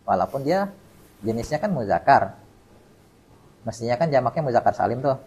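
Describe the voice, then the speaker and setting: Quizzing students by name and leaving words for the class to finish, a man drills Arabic grammar through call-and-response in a mosque study-session lecture. He sounds very animated, mid-pitched and a little mellow with a breathy edge, speaking at a moderate pace, in low-quality audio.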